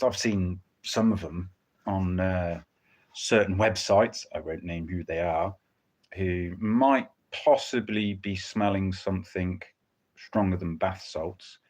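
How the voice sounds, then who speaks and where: A man hosting a livestream with casual, rambling live commentary and a dry, joking, hesitant delivery. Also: low voice. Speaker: livestream host commenting on a car auction.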